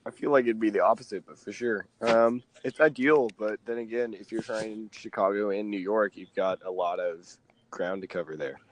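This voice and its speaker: A man's voice: fairly low pitch, normal speed, a little hiss or hum. A young man co-hosting a podcast in casual chat, dropping dry, wry quips. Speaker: podcast co-host.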